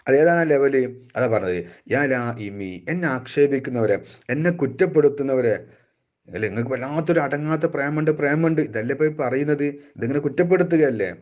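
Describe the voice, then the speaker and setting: A man teaching a classical devotional poem line by line, slowly chanting each verse and then explaining it briskly. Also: medium pitch, a little mellow, highs cut off. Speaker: religious teacher.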